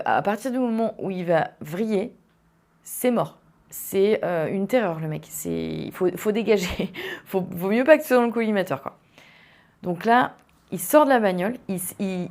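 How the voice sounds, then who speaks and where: A young woman from the Vendée region of France hosts a podcast and recounts a personal story straight into her microphone. She talks casually and animatedly, piling up fillers and restarting sentences as she goes. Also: medium pitch. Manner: animated, tumbling speech with frequent fillers and restarts. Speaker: podcast host.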